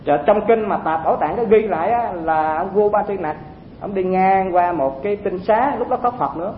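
Man, Buddhist dharma talk to monks, high voice, echoey phone-like recording. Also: fairly quick. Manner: conversational, asks listeners rhetorical questions. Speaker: Buddhist teacher addressing monks. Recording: echoey, phone-like sound with faint rumble.

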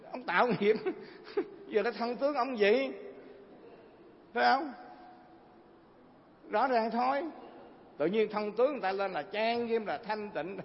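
A man giving an animated sermon with stories to a live audience, often asking rhetorical questions. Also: high-pitched, gravelly, slight background noise. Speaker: Buddhist preacher. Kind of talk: sermon with storytelling. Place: hall before a live audience. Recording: reverberant hall, dull lo-fi sound.

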